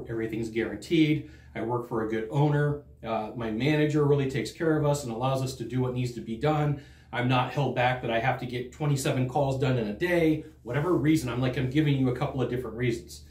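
A middle-aged man teaching sales to camera in a studio, talking in a lively, conversational way and acting out what customers say. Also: mid-range voice, reverberant. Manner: animated, conversational, acts out customer quotes. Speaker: sales trainer. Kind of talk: direct-to-camera training talk. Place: studio in front of a green screen. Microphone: fixed camera, standing at a desk.

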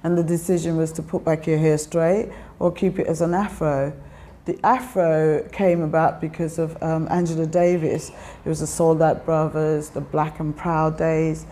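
An older woman from Guyana with a Guyanese accent, reflecting in a documentary interview, pausing and restarting often. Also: low-pitched, level tone, dark tone. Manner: reflective, many pauses and restarts.

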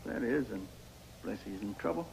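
An actor playing a shrewd, probing elderly lighthouse keeper in an old television drama, talking in a folksy, hesitant way. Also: male voice, mid-range voice, animated, moderate pace, creaky, darkish tone, low-quality recording. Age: older. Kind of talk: 1950s television drama acting. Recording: old television recording with faint hiss.

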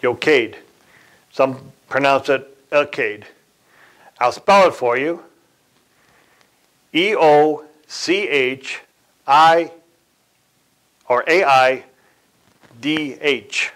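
Slow, deliberate male preacher. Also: on the high side, fairly bright tone, poor audio. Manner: slow, deliberate delivery with occasional chuckles and self-corrections. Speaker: church speaker. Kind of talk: sermon.

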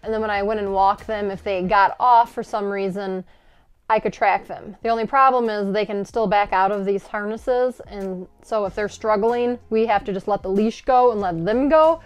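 A woman in her forties giving casual, animated tips in a home-made vlog, seated at a table inside an RV and filmed from a short distance. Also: mid-range voice, normal speed, smooth. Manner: chatty and animated, gesturing while explaining. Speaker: RV lifestyle vlogger.

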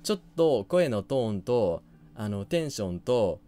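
A hoarse man giving quiet, low-key commentary on a game he is playing, muttering to himself as he goes. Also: big pitch swings, measured pace. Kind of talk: quiet let's-play commentary.

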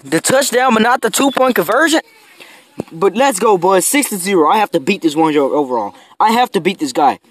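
A high-pitched man gives casual commentary over his own video game match. He's excitable and quick to yell when frustrated, constantly saying "bro."

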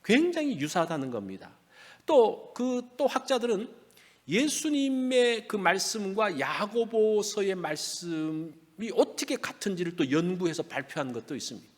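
In a church sanctuary filled with long reverb, a high-voiced, lively man preaches at a moderate pace. He keeps the sermon conversational, putting questions to the congregation.

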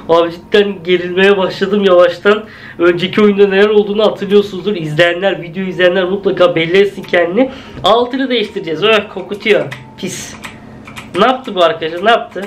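A man's voice: sits high, fairly bright tone, a little hiss or hum. A young man giving chatty, jumpy let's-play commentary, exclaiming at scares and talking to his viewers. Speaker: gaming video host.

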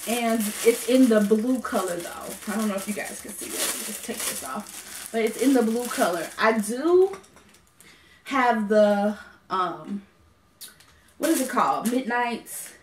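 A woman's voice: a little high, lively intonation, a little slow, a little hiss or hum. A woman chatting casually about a makeup haul, rambling with lots of ums and self-corrections. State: has the hiccups. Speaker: beauty vlogger. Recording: echoey room.

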